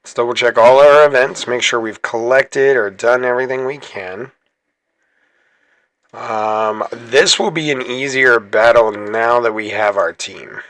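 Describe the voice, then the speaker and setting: A man's voice: mid-range voice, a little slow, a bit bright, no echo. A man hosting his gaming channel, chatting casually through gameplay, rambling and correcting himself as he goes. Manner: chatty, rambling, self-correcting, laughs easily.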